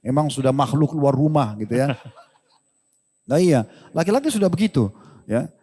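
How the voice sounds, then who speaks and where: A male Islamic preacher giving a casual lecture, lively and joking, with colloquial slang and rhetorical questions. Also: mid-range voice, normal speed, long reverb tail.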